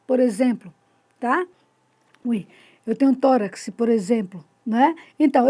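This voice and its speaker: A woman's voice: high voice, darkish tone. A woman teaching a casual video lesson, explaining step by step with frequent tag questions as she points to examples on a board. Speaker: Portuguese teacher.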